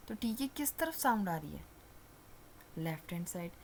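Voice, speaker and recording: A woman's voice: lowish voice, sing-song, moderate pace, vocal fry, a little mellow, a little hiss or hum. A woman shorthand teacher, explaining a lesson step by step, often checking that viewers follow and dropping to near-whispers while writing. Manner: patient, repeats steps with frequent check-ins; mixes English terms into Hindi explanation.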